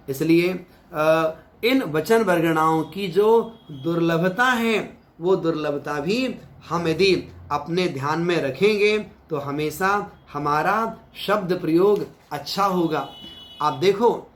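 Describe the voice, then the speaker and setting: A man giving a devotional sermon as a pandit, speaking in a slow, measured, preacherly way with stressed pauses. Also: on the high side. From India. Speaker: pandit giving a religious discourse.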